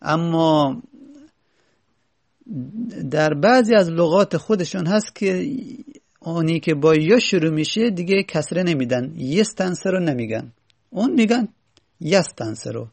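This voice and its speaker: A man's voice: a little high, animated, pauses often, darkish tone, no echo. A male teacher giving a classroom lecture, reading lines from a grammar text and then patiently explaining each one in plain words, often asking the class rhetorical questions.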